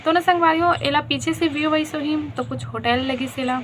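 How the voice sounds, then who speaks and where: A young woman with a Chhattisgarhi accent tells her own story to her viewers and keeps calling them friends as she goes. Her voice sits a little high. A faint hiss runs under the recording. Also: a little fast. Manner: chatty, addresses viewers as friends. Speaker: vlogger. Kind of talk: casual storytelling.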